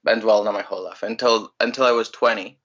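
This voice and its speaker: A young man from Greece, a musician telling his story in a relaxed, rambling way in a casual interview. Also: on the low side, quick pace, highs cut off. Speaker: musician guest.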